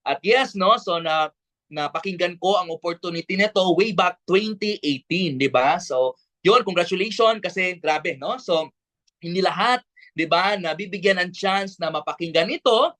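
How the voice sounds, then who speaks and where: High-voiced Filipino man pitching eagerly. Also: moderate pace. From Bukidnon, Philippines. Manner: peppers lines with tag questions; energetic, persuasive. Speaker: presenter. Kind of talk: online sales presentation.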